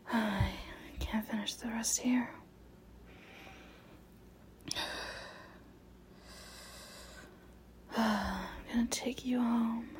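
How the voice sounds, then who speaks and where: A woman playing a sadistic, unhinged female killer in an adult audio roleplay, talking in a breathy whisper broken by laughs. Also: fairly high pitch, a little mellow, slight background noise. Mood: cold whisper.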